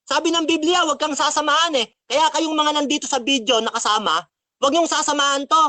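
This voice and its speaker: Male debater, high-pitched, dry close sound; taunting, scripture-quoting rebuttal. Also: fairly even intonation, fast, sharp tone, no room sound. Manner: taunting, mocking, quotes scripture constantly. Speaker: religious debater.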